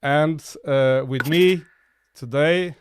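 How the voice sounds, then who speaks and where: A man's voice: on the high side, takes it slowly, slight background noise. Hesitant man hosting a podcast. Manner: hesitant, many uh fillers and restarts. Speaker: podcast host. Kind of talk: casual interview talk.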